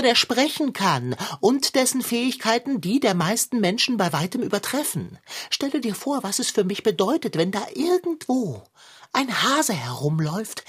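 A woman plays a talking tomcat in a radio play, pompous and sorrowful, who looks down on everyone. His voice is husky and swings widely in pitch, and each sentence comes out lofty and wordy. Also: a bit bright, heavily acted. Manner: lofty, eloquent and condescending. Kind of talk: audio drama acting.

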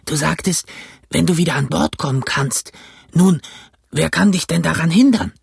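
A man voicing a ragged, marooned old sailor in a storybook reading, with a hoarse, croaky, pleading voice. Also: on the high side, moderate pace, no room sound, clean studio sound, voice pushed up, heavily acted. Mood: eager. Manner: raised, pleading and wheedling.

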